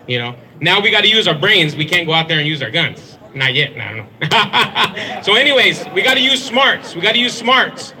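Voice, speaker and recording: A man's voice: high voice, bright, forceful tone, rough recording. A man giving a punchy, crowd-rousing speech at an outdoor rally. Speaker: rally speaker.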